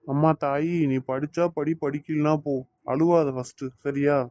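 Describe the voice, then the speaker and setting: A man's voice: a little high, fairly even intonation, a little slow, a little mellow, dry recording, lightly acted. A man voicing a teasing but doting young man in a cartoon, speaking with a Tirunelveli Tamil accent. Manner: teasing, coaxing, playfully scolding. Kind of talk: cartoon voice acting.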